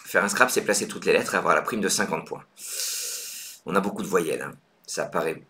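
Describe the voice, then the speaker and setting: A man's voice: low voice, pushed and bright. A man hosting a live online Scrabble lesson, patiently explaining moves and thinking aloud with hesitations. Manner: counts points aloud briskly. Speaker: Scrabble teacher.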